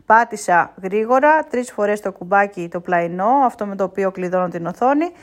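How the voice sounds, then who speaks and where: Woman instructor, casual tutorial, unhurried, frequent hesitations, mid pitch. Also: animated.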